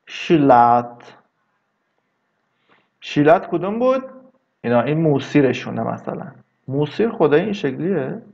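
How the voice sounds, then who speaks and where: A man teaching English vocabulary in a casual lesson, drawing words out slowly and adding chatty asides. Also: fairly high pitch, very animated, vocal fry, darkish tone, lo-fi sound. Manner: slow, drawn-out repetition of words, chatty asides.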